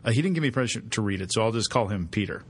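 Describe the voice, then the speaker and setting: A man's voice: fairly low pitch, lively intonation, very fast, slightly rough. A man co-hosting a podcast in casual chat, joking and poking fun at himself while reading a listener email aloud. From United States. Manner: joking, self-mocking, reads an email aloud. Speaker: podcast co-host.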